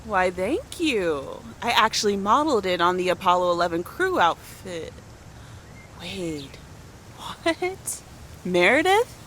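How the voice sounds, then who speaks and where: A busy mother in her forties from a small town for a video game. She speaks curtly and dryly, letting sarcasm slip into her words, and her pitch swings up and down a lot. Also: very animated, slow, a bit bright, slight background noise. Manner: dry, curt, sarcastic.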